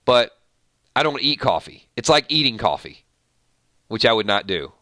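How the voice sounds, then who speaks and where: A man from Georgia with a Southern accent, hosting a casual livestream, reading viewer comments and chatting in an animated way with easy laughter. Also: medium pitch, normal speed, no echo, studio quality. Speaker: livestream host.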